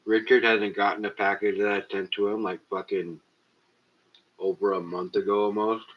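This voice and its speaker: A man's voice: on the low side, flat delivery, moderate pace. A man hosting a casual live stream, cursing a lot and talking straight to viewers in chat. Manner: profane, exasperated, talks straight to chat. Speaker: livestream host. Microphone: cheap webcam built-in mic. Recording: dull lo-fi webcam mic.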